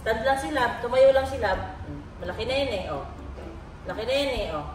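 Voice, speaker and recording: A woman's voice: a little high, lively intonation, brisk, far from the mic, noisy background. A woman and mother doing sing-song baby talk with her little one, repeating words and laughing often, a bit off-mic in an echoey room. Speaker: mother and vlogger.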